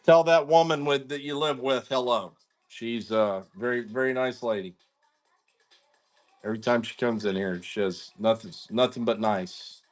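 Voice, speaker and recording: A man's voice: mid-range voice, moderate pace, faint music behind. A man hosting a live card-breaking stream, chatting casually in slang and greeting viewers by name. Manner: laid-back, slangy, talks to viewers by name. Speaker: card-breaking livestream host.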